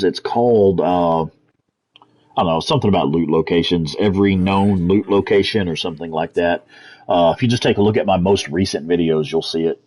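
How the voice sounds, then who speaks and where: A gaming streamer with a Texas accent gives laid-back, chatty live commentary over gameplay, answering chat and swearing casually. His voice sits low with a darkish tone.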